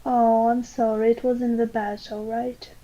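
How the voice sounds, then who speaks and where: A woman playing a tabletop game, describing her character's actions in measured phrases. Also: a little high, level tone, warm tone. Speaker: player. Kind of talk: casual tabletop game play. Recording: dull lo-fi mic.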